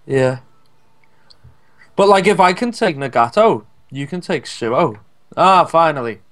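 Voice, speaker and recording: A young man with a Scouse accent chatting casually while playing a co-op strategy game, relaxed and hesitant, with many fillers. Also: fairly high pitch, measured pace. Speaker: co-op gameplay commentator. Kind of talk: casual gaming chat.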